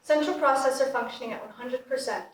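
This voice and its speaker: A woman voicing a female android that reboots and runs its system diagnostics, giving flat, clipped status reports. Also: sits high, fast, lightly acted. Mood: flat mechanical. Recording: very echoey room, distant mic, faint hiss.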